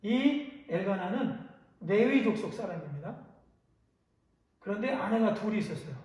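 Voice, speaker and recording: A male pastor giving a children's sermon, telling a story with lively questions to the listeners. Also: sits high, normal speed. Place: church hall. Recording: echoey hall, from a distance.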